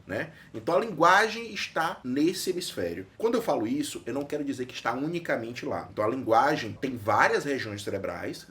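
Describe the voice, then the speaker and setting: A man's voice: medium pitch, a bit bright, slight background noise. A man with a Brazilian Portuguese accent, a neurologist teaching a topic and answering his own questions as he goes. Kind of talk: educational explainer.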